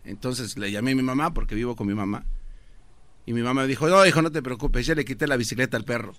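A man's voice: mid-range voice, quick pace, a bit bright, no room sound. A man doing a stand-up bit as a contestant on a radio comedy sketch, flustered and pleading.

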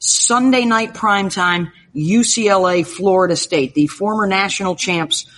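A woman's voice: medium pitch, unhurried. A woman hosting a sports talk show, upbeat and jokey, rattling off game schedules. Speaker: show host.

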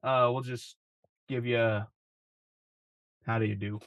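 A man's voice: mid-range voice, steady tone, takes it slowly, a bit bright, no echo. A young man co-hosting a podcast, laid-back and wry in casual sports chat, swearing casually. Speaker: podcast co-host.

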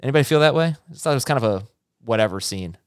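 A man's voice: medium pitch, expressive, rapid-fire, no echo. American man hosting a casual podcast, dry sound. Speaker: podcast host. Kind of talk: casual chat, TV show discussion.

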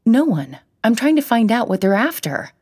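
A woman voicing an anxious, earnest young granddaughter who pleads in a raised, quick voice. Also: very animated, a little mellow, breathy edge, no echo, studio quality. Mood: pleading, anxious. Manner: pleading, higher and quicker than the narration.

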